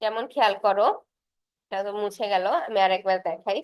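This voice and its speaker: A woman's voice: mid-range voice, steady tone, fairly quick, dry recording, highs cut off. Patient young woman tutor, dry close sound. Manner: patient, repeats terms, drawing while explaining. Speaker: tutor for university admission exams. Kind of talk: casual spoken lesson.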